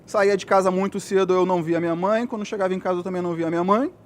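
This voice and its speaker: A Brazilian man speaks to a group of young athletes in a motivational talk, earnest and insistent. His voice sits high for a man, and he keeps returning to the same points while checking that his listeners follow him. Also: fairly even intonation, very fast. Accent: Brazilian Portuguese. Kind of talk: motivational speech.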